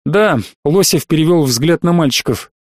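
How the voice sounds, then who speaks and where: A male audiobook narrator with a measured, expressive delivery. His voice sits slightly high, and the recording is close and dry. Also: dry recording. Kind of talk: scripted narration.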